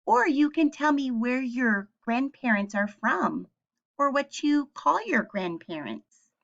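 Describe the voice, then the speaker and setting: A woman teacher reads a picture book to young children slowly, in a fairly high, creaky voice with very animated, swooping intonation. She explains simply and asks her listeners questions. The recording is somewhat dull and lo-fi.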